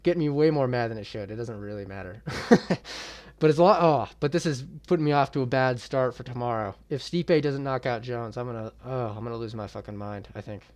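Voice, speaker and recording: A man's voice: medium pitch, fairly quick, darkish tone. A young man hosting his own MMA channel, ranting in a heated, profane and blunt way about a boxing match. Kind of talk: ranting reaction vlog.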